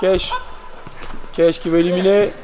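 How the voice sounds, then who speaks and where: High-pitched man giving excited sports commentary. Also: measured pace, dull audio. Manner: calls players' names in short bursts, exclaims. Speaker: match commentator. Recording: loud crowd and bouncing ball behind. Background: crowd noise, ball bounces.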